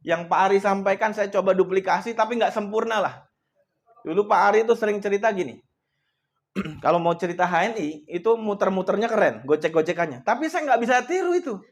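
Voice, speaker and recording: A man coaching an audience in a motivational speech, telling stories and addressing his listeners directly. He swings between hushed, soft passages and loud, emphatic outbursts, with frequent devout exclamations. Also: high-pitched.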